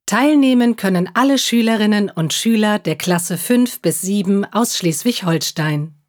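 A woman reading a children's story aloud, calmly and clearly. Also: medium pitch, measured pace. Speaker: reader of children's stories. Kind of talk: slow storybook narration for children.

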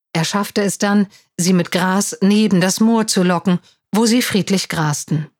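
A woman reading a children's story aloud, narrating in a clear and steady way. Her voice sits at a middle pitch, and her delivery is even and well paced.

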